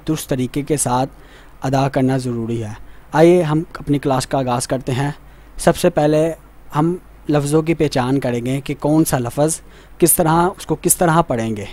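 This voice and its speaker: A man teaching a Quran reading lesson, patient, repeating points and asking checking questions, saying Arabic letters slowly and carefully. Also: on the high side, mellow.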